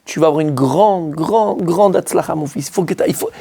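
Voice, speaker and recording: Soft-spoken old rabbi, as a man puts him on. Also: normal speed, gravelly, breathy edge. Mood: fatherly. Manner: soft, low and calm. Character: gentle elderly male rabbi, fatherly and soothing.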